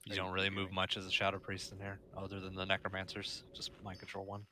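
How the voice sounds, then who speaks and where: A man's voice: sits low, completely flat delivery, fast talker, bright, forceful tone, slight background noise. Man leading a raid over group voice chat. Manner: directive, explaining tactics with frequent fillers. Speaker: raid leader.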